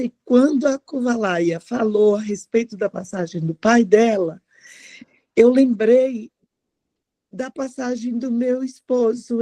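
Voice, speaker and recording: A woman with a sleepy voice, speaking in a reflective, halting way in a spiritual group discussion. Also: a little high. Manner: reflective, halting, soft-spoken.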